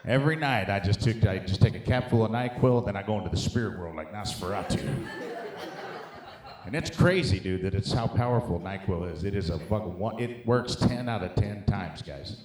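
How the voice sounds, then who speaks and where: Talking at a moderate pace in a fairly low voice, this middle-aged American comic works a live audience with emphatic, profane, conversational bits, calling them dude and guys. The comedy room is echoey and there's background noise.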